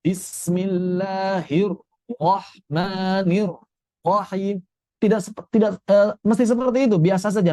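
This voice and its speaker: A man teaching tajwid, explaining quickly and then reciting example words slowly and carefully. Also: fairly high pitch, dark tone, no room sound, highs cut off. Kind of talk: Quran recitation lesson.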